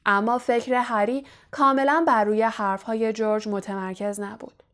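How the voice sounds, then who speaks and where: Woman narrator, fairly high-pitched, steady measured audiobook reading. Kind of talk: scripted narration.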